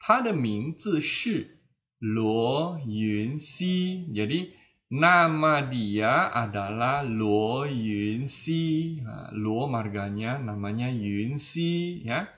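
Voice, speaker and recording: A man teaching beginners a language, explaining slowly and repeating each word and phrase. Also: mid-range voice, animated, fairly bright tone. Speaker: Mandarin teacher. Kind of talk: language lesson in Indonesian.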